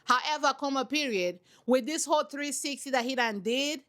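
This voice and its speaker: A woman's voice: high voice, normal speed. A woman giving casual reaction commentary on a reality TV show, emphatic and preachy, repeating her points and talking straight to her listeners. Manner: animated, talks straight to her audience.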